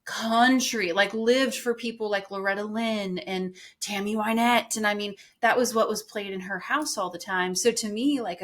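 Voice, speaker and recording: A young woman from California talks in a relaxed, chatty way as a guest on a podcast. She laughs easily and fills her sentences with "you know" and "like." Her pitch sits in a middle range. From Bakersfield, California. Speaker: guest singer-songwriter. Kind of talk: casual podcast chat.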